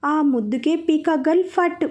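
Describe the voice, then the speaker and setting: A woman narrating a romance story in a lively storytelling way. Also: high voice, normal speed.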